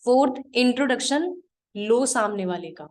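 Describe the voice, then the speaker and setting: A woman with a fairly high voice leads a live online class as the trainer. She talks in a direct, practical way and goes over her points one by one, repeating them slowly for students taking notes. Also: lively intonation.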